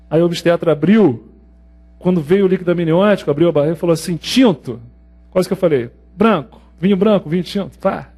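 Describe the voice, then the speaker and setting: A man with a Brazilian Portuguese accent lectures on newborn care for an exam. His voice sits fairly high, and he teaches in a lively way, slipping into short acted scenes from the delivery room. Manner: lively storytelling, acts out scenes. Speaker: pediatrics lecturer. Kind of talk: exam prep medical lecture.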